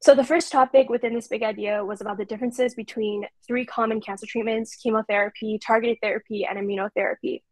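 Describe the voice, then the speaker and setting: A woman in her twenties from California, presenting prepared slides on a video call in a steady, read-aloud way. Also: on the high side, fast, hardly any pauses, dry recording. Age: 20s. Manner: clear, steady reading of prepared notes. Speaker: intern presenter.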